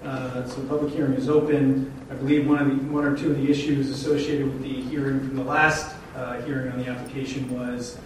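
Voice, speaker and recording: A man chairs a township public hearing, working through the procedure haltingly with many fillers. He sounds distant from the microphone. The room is very echoey, with clear background noise. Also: medium pitch, little pitch movement.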